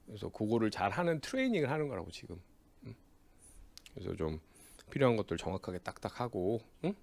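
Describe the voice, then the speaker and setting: A man's voice: fairly low pitch, fast, creaky. A man lecturing exam-prep students, telling personal stories in a blunt, teasing way and tagging his sentences with a questioning "eh?". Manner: acts out quoted dialogue in lively voices.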